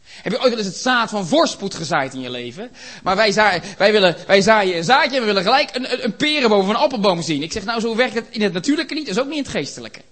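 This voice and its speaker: A man preaching a sermon in a church, impassioned, building to shouts and rhetorical questions. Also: sits high, big pitch swings, quick pace.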